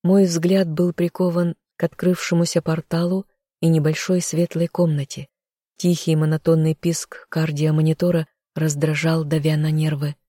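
An audiobook narrator reading first-person narration in an even, measured way. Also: medium pitch, dry recording, studio quality.

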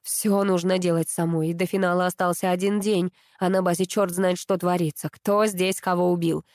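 A woman reading an audiobook and voicing a domineering older mother-in-law who runs a beauty pageant and shouts orders. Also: fairly low pitch, level tone, normal speed, dry recording, clean studio sound, lightly acted. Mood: bossy.

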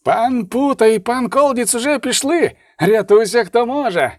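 A man voicing a panicked middle-aged knight yelling at everyone to flee. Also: animated, normal speed, no room sound, studio quality. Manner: frantic high yelling.

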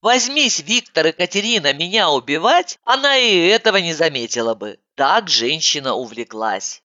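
A woman reading a comic first-person audiobook with animated, exasperated outbursts. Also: sits low, moderate pace, muffled recording. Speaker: audiobook narrator.

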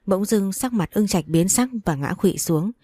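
A woman narrating an audiobook story in a steady storytelling manner. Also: medium pitch, normal speed, no echo, clean studio sound.

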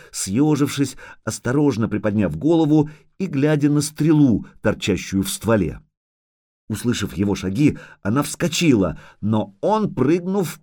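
A male audiobook narrator reads fantasy prose in a dramatic, expressive style. His pitch moves a lot from line to line. The recording is dry and close, with no room echo. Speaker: audiobook reader.

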